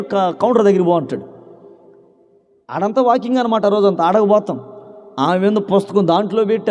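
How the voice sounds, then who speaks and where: Male pastor, high voice, moves between quiet storytelling and loud calls, recorded in a reverberant church hall. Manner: shifts from loud preaching to low conversational storytelling, calls for hallelujah. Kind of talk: sermon. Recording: long reverb of a large hall.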